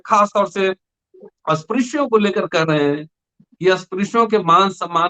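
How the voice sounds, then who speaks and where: A man hosting a discussion, reflective and questioning, recalling what he read before posing a question. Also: high voice. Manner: reflective, questioning, soft affirmations. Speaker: host. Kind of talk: discussion interview. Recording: dull lo-fi sound.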